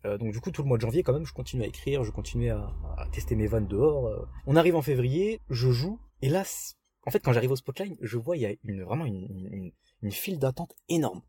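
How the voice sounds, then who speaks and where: A man with a Picard accent, a stand-up comedian telling a story in a casual podcast chat, halting with many fillers and restarts. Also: medium pitch, animated, mellow, breathy edge. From northern France.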